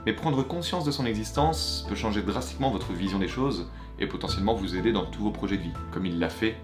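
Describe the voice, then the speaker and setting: A young man, talking to his viewers in a chatty, energetic vlog from Japan, with playful asides. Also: on the low side, brisk, over music. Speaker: YouTuber. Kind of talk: casual vlog monologue with a sponsor read.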